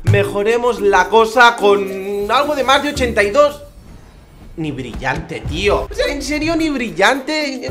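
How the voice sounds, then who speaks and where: Excitable Spanish gamer guy. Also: high-pitched. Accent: Spain Spanish. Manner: excitable, pleading and swearing at the game. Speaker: gaming YouTuber. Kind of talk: pack-opening game commentary.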